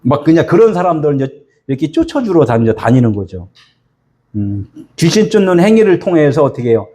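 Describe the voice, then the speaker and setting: A man's voice: a little high, sing-song, brisk, mellow. A male pastor giving a sermon, firing rhetorical questions at the congregation.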